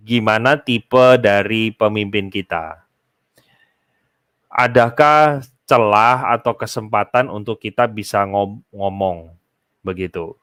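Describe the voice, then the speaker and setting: A man's voice: lowish voice, a bit bright, no echo. Man, casual advice talk, explanatory, dry close sound. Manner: explanatory, addresses listeners as Bapak Ibu. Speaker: speaker answering a host's question.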